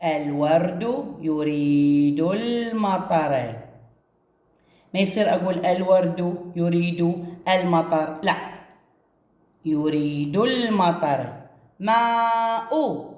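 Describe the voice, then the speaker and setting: A woman's voice: on the low side, warm tone. Woman, Iraqi Arabic accent, first-grade teacher, spells out syllables, roomy sound. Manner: reads words slowly syllable by syllable, repeating each. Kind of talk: recorded reading lesson for young pupils.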